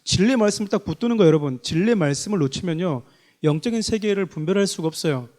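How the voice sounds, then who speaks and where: A man's voice: high-pitched, lively intonation, fast talker, a little mellow. A man preaching a sermon as pastor, emphatic and full of rhetorical questions to the congregation.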